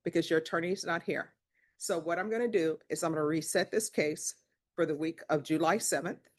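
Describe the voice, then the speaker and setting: Woman judge, firm and measured, lecturing from the bench. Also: low-pitched. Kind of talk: courtroom proceedings. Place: courtroom.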